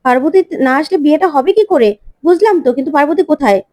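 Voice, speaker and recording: A woman's voice: high-pitched, lively intonation, racing, darkish tone. A doubtful, pressing woman, as a narrator reads her.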